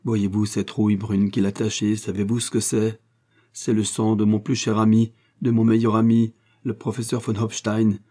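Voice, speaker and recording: A man voicing a terrified, guilt-stricken male museum curator who speaks hoarsely and frantically. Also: fairly low pitch, flat delivery, moderate pace, warm tone, natural voice. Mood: horrified. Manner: frantic, raised voice.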